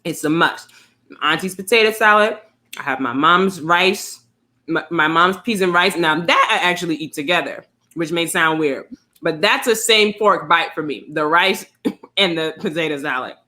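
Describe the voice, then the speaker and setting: Woman co-host, low and bright voice, casual food chat. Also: moderate pace. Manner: relaxed, chatty, talks with her mouth full.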